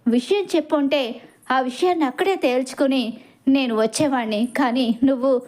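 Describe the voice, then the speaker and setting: A woman's voice: sits high, moderate pace, a little mellow, close to an everyday voice. A woman voicing an earnest worried young man.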